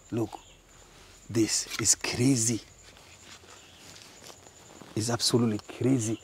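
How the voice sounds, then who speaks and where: A man in his thirties, a ruqya practitioner, walking through woodland and emphatically pointing things out, with a husky voice. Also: mid-range voice. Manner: emphatic, pointing things out, mixes in Arabic terms. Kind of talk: guided outdoor walkthrough. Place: outdoors in woodland by a large tree.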